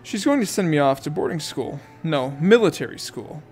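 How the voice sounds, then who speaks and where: A man reads a novel aloud in first person, amateur audiobook style, casually tossing in asides and correcting himself. His voice is on the high side, expressive and darkish in tone, at a moderate pace, with faint music behind him.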